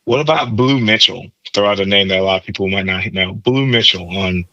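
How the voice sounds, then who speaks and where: Talking a little fast with a fairly low pitch and sharp tone, a trumpet player explains jazz tone and technique on a podcast. He is teacherly and repeats words for emphasis, and the lo-fi recording has no echo.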